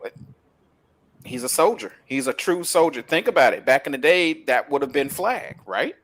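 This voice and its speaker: A man's voice: fairly high pitch, very animated, moderate pace, fairly bright tone. A man hosting a casual film discussion, recapping plots with frequent laughter. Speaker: host.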